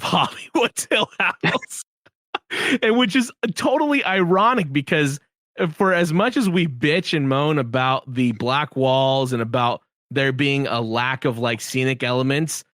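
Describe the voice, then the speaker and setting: A man's voice: mid-range voice, a bit bright, no echo, studio quality. A young man as a podcast guest, chatting animatedly and emphatically, laughing often. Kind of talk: casual podcast chat.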